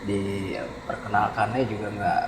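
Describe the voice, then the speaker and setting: A man's voice: lowish voice, fairly even intonation, normal speed, crowd noise. A man, a podcast host who prompts the guest and chats casually, laughing easily. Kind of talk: casual chat. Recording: roomy echo, reverb, music bed.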